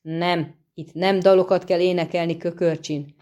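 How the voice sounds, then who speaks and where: A woman's voice: lowish voice, flat delivery, dark tone, lo-fi sound, natural voice. A woman voicing a blunt, dismissive male warrior leader in a storybook reading.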